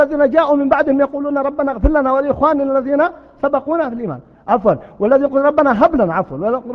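Male preacher, very high and rapid, storytelling sermon, long hall reverb. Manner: storytelling, acts out quoted exchanges. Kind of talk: sermon to a gathering. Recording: long reverb, dull lo-fi sound.

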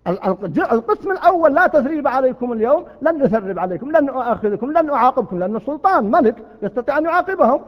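High-voiced fast-talking preacher. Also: male voice, big pitch swings. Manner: storytelling, acts out quoted exchanges. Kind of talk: sermon to a gathering. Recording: long reverb, dull lo-fi sound.

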